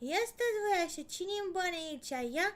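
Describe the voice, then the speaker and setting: A woman live-streaming in casual chat with her viewers, excitable, swinging between loud outbursts and quiet murmurs and gushing thanks to donors. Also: extremely high pitch.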